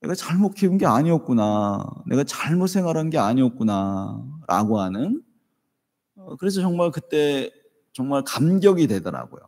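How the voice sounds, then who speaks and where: A man in his fifties preaching a sermon, telling a family story in a lively way and acting out the voices in it. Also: mid-range voice, moderate pace. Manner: storytelling, animated, acts out dialogue. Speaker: pastor. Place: church sanctuary. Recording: reverberant church hall.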